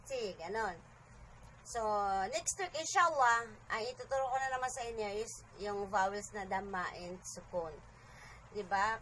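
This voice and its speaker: Bright-voiced woman teaching a home lesson. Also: a little high, slight background noise, low-quality recording. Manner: patient, repeats sounds slowly, chatty asides. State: sleepy. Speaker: online Arabic teacher. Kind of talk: casual home video lesson. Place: home, at night.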